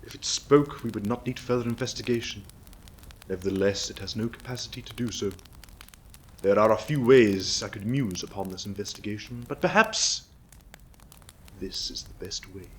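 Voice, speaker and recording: A reflective detective musing aloud in a measured, low voice, as a man plays him. A faint hiss sits behind him. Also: natural voice, poor audio. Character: musing male detective narrator. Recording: faint background noise.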